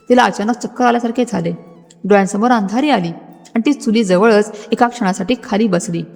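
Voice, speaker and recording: A woman narrating a scripted, dramatic story in a steady storytelling manner. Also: medium pitch. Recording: music bed, long hall reverb.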